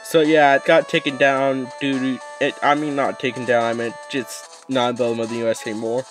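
A man's voice: medium pitch, little pitch movement, brisk, soft background music. A young man rambling through casual let's play commentary, swearing often and restarting his sentences. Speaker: gaming YouTuber.

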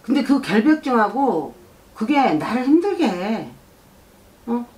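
Unhurried and fairly high-pitched, this middle-aged shaman's voice swings widely in pitch and carries a darkish tone. During a fortune-telling session in an indoor shrine office, she delivers blunt advice, scolds the client, and keeps asking whether she's got it.

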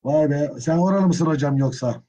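A man's voice: on the high side, moderate pace, warm tone. A man from Turkey teaching a history exam prep lesson, talking to students as friends and getting openly indignant.

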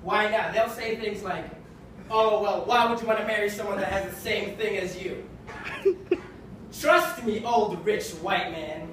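A man's voice: sits high, unhurried, noisy background. Wry young man doing stand-up from Kenya. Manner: wry, conversational delivery with deadpan punchlines. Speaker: stand-up comedian. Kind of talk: stand-up routine. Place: small comedy club stage. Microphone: handheld mic, filmed from far in the audience. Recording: echoey club from far off with audience laughter.

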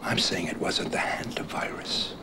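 An actor playing a paranoid older conspiracy writer who talks in a hushed, urgent whisper, heard from a worn VHS tape copy. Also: male voice, normal speed. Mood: conspiratorial. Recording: hissy worn videotape copy.

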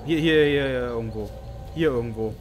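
A man's voice: medium pitch, a little fast, a little hiss or hum. A man giving playful, teasing let's-play commentary over a horror game, mock-taunting the characters he hunts. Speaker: gaming YouTuber.

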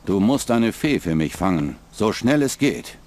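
A man's voice: lowish voice, big pitch swings, unhurried, darkish tone. An actor playing an urgent, pleading old man in a fantasy adventure game.

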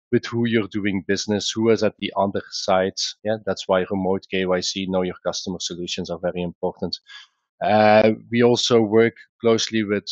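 Presenting a webinar, a male founder with a Belgian accent talks in a relaxed, explanatory manner, with many "uh" pauses and restarted sentences. He has a lowish voice, captured in a dry recording with the highs cut off.

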